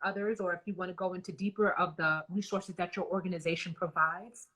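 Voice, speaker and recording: A woman's voice: on the low side, fairly even intonation, brisk, pushed and bright. A woman hosting an interview, talking in an emotional, rambling way with many restarts. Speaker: host. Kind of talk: interview host.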